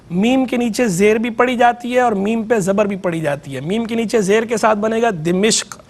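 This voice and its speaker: A man with a Pakistani Urdu accent, a religious scholar giving an educational lecture on a TV program, measured and explanatory, repeating key terms to stress them. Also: sits high.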